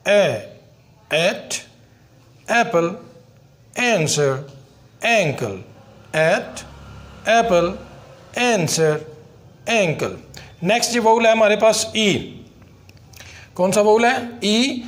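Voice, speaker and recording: A man with a fairly high voice, whose first language is Urdu, teaches English vowel sounds in a phonics lesson. He drills each vowel again and again, drawing the sounds out slowly and patiently.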